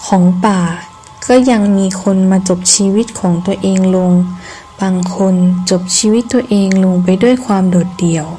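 A woman reading a scripted first-person ghost story in measured, deliberate phrases with pauses. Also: mid-range voice, mellow, slight background noise. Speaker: horror story narrator.

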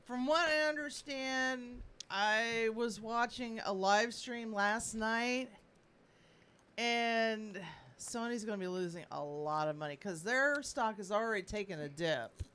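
A woman's voice: a little high, takes it slowly, a bit bright, clear, resonant tone. A woman co-host in casual, opinionated chat, repeating her points for emphasis. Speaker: show co-host.

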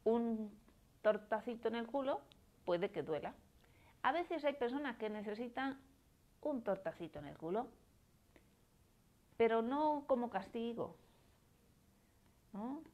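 A woman's voice: fairly high pitch, expressive, slow, pauses often, darkish tone. A woman in her forties from Málaga, with a southern Spanish accent, talking as a psychoanalyst in a live stream and answering viewers' comments in an explanatory way, often ending with a questioning "¿no?". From Spain. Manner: explanatory, tags phrases with questioning "¿no?".

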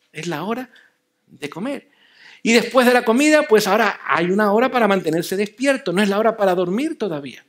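A male pastor giving a sermon at a church family seminar, emphatic and repeating key phrases, with phrase endings that drop soft and low.

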